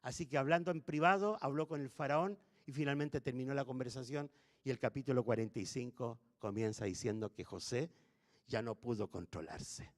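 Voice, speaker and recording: A man's voice: medium pitch, moderate pace. A man preaching a sermon in a church, retelling a story and asking his listeners questions. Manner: animated, asks the congregation questions. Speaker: pastor. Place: church sanctuary. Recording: echoey church hall.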